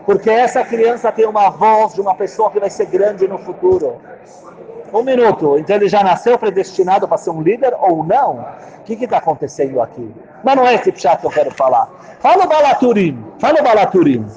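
A man teaching a Torah class, chanting Hebrew verses slowly and explaining them with rhetorical questions. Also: high-pitched, big pitch swings, dark tone. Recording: muffled lo-fi recording.

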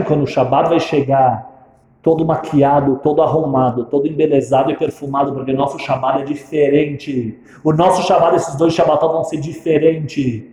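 A male preacher telling a religious story in a sermon, animated and switching into character voices. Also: mid-range voice. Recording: echoey room.

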